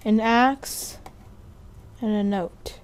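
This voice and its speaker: A woman's voice: a little high, steady tone, drawn-out words. Jumpy sarcastic young woman gamer. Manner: jumpy, sarcastic, thinking aloud. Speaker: gamer playing a horror game. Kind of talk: let's play commentary.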